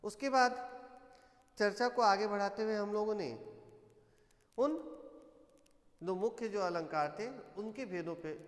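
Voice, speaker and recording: A man teaching a Hindi class, explaining step by step, asking questions and answering them himself, and slowing down to recite verse. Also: fairly high pitch. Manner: slows down to recite verse examples. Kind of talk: live online class lecture. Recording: echoey room with long reverb.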